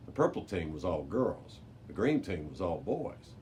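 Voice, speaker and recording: Here a man with a deep, warm, sing-song voice reads a kids' adventure tale as a library narrator at a moderate pace, with a few minor stumbles along the way. The audio carries noticeable background noise.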